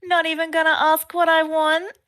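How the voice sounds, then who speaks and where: A woman's voice: fairly high pitch, lively intonation, measured pace, fairly bright tone. A woman voicing a sultry, teasing female adventurer with a subtle twang, in a story reading.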